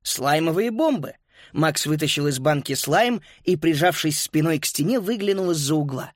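A man reads a children's adventure audiobook with lively, expressive storytelling. His voice sits a little high for a man, and the recording is dry and close with no room sound. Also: normal speed, no echo. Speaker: narrator. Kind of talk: audiobook narration.

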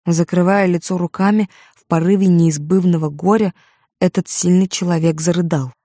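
Woman narrator, low mellow voice, dry studio sound, measured dramatic read. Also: steady tone, no echo. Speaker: audiobook narrator. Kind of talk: scripted literary narration. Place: recording studio.

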